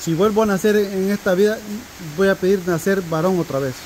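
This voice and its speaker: Man, soft-spoken, slow talk, casual banter, light background noise. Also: sits high, steady tone. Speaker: host's husband.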